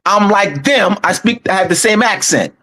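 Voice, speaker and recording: Host, male, Camden accent, halting reflective storyteller with a lively, slightly high voice. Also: poor audio. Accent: Camden, New Jersey. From Camden, New Jersey. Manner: halting, repeats words, searching aloud.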